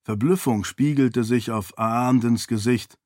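A man reading a novel aloud as audiobook narrator, in a measured storytelling manner. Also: mid-range voice, darkish tone, no room sound, clean studio sound. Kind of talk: scripted narration.

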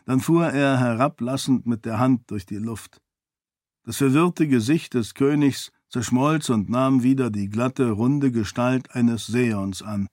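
A man reading fantasy fiction aloud as an audiobook narrator, slow and measured. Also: mid-range voice, darkish tone, no echo, studio quality.

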